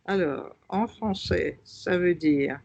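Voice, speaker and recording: A husky-voiced woman on a muffled, lo-fi video call. She is a chatty student who keeps stopping her teacher to repeat the words back. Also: lowish voice, darkish tone. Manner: chatty, asks for pauses and repeats words to check them. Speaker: language student. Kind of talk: casual lesson over video call. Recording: dull lo-fi call audio.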